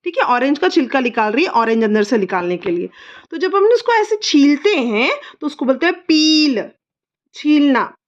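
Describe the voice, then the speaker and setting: Woman, mother tutoring her child in phonics: high, slow, patient, repetitive, slightly dull lo-fi recording. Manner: slow, drawn-out sounding of letters and words; patient, repetitive coaxing questions. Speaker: mother teaching English spelling.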